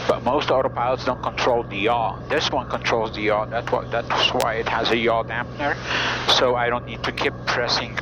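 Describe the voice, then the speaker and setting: A man's voice: medium pitch, fairly even intonation, moderate pace. A man piloting a small plane, talking methodically over cockpit audio as in air traffic control radio calls and flight explanations. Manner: methodical, instructive. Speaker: pilot and vlogger. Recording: cockpit audio with loud background sound.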